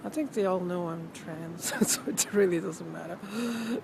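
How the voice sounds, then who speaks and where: This medium-pitched voice carries some vocal fry and moves at a moderate pace. It's a rambling personal vlog: the speaker talks casually and thoughtfully outside, frequently trailing off and restating things, while strong wind hits the mic over an urban backdrop.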